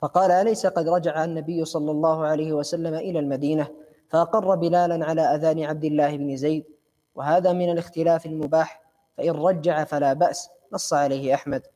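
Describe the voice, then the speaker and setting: A man student reading a classical text aloud to the class in a steady, recitation-like way. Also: a little high, fast talker. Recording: long hall reverb.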